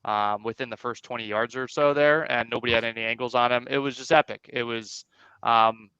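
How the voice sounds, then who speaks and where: A man co-hosting a sports podcast, giving quick, energetic game analysis in casual chat. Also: medium pitch, smooth, no room sound. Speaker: podcast co-host. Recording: dull lo-fi sound.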